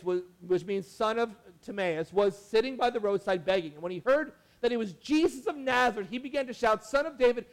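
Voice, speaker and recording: Delivering a relaxed, conversational sermon, a young pastor speaks in a notably high voice. He wanders into asides and restarts his sentences, keeping the tone lively and warm, as if talking with his congregation.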